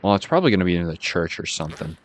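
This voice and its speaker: A man with a Boston accent giving relaxed, casual commentary as he plays a game, musing aloud and chuckling at himself. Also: low-pitched, rapid-fire. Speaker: gaming channel host.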